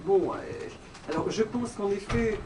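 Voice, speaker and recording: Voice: mid-range voice, slow. Distant, noisy audience speaker, no mic. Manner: rambling, many fillers, emphatic. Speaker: audience member. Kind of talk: audience question at a conference. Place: conference room. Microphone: no microphone. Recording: distant voice with background noise.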